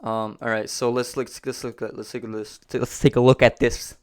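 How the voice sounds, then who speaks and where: A man's voice: mid-range voice, level tone, normal speed. A man hosting a business vlog, talking casually to camera and repeating himself as he rambles. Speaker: host of a business channel.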